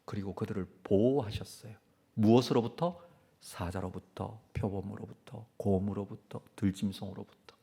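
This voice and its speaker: A man's voice: lowish voice, steady tone, moderate pace, creaky, dark tone, husky. A male pastor preaching a sermon who asks his listeners questions and then answers them himself.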